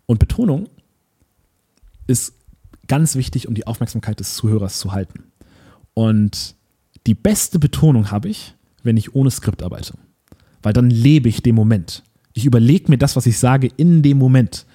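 A man co-hosting a podcast, talking casually and animatedly, often restarting words and mixing in English terms. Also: medium pitch. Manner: animated, self-correcting, mixes English words. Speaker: podcast co-host.

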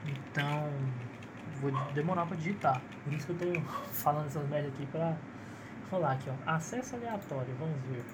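This solo podcast host, who has a Brazilian Portuguese accent, speaks briskly in a highish voice over very noisy surroundings. He records a casual monologue on a phone held in one hand, rambling cynically, profanely and at his own expense.

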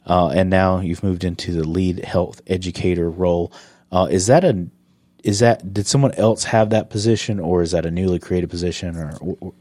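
Deep-voiced easygoing man hosting. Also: fairly even intonation, normal speed, mellow, no echo. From South Carolina. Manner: easygoing, teasing, prone to restarts. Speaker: podcast host. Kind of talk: casual interview chat.

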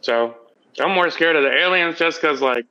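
A man's voice: fairly high pitch, normal speed, bright, forceful tone, lo-fi sound. A man co-hosting a podcast in casual, profane chat, laughing often. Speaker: podcast co-host.

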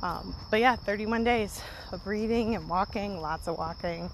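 A woman's voice: mid-range voice, moderate pace, poor audio. A woman podcast host talking informally and off the cuff to her listeners while out walking at night with crickets chirping. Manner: rambling, informal. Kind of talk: casual unscripted solo monologue to listeners. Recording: outdoor night ambience, crickets and wind. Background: chirping crickets, wind.

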